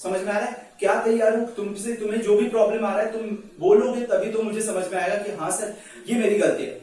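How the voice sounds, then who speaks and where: Chemistry teacher guy, fairly high voice, sounds far off from the mic, big echo. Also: a little mellow. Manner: coaxing, repeats checks like "clear?" to students. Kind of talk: online lecture. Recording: echoey room, voice far from mic.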